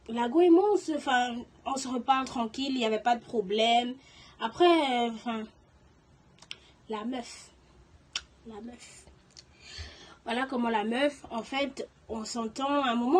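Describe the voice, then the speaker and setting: A young woman with a slightly husky, fairly high voice tells a personal story straight to her viewers. She talks in loose, slangy spurts full of filler words and turns loud and animated whenever she gets indignant. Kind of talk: casual storytime vlog.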